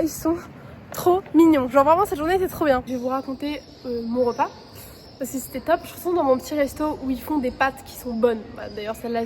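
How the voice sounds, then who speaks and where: A woman's voice: high voice, a little hiss or hum. A woman in her twenties, a student, chatting bluntly and casually in a vlog with lots of slang. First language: French. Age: 20s. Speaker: student vlogger.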